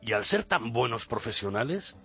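A man's voice: mid-range voice, very animated, moderate pace, gravelly, sharp tone, breathy edge, faint music behind. A man, a voice actor reflecting on his work as a guest in a casual radio interview, repeating words as he talks. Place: radio studio.

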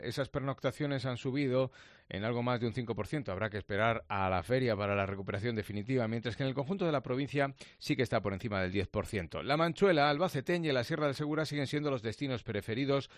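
A man's voice: mid-range voice, no room sound, clean studio sound. A man reading a regional news report as a radio reporter.

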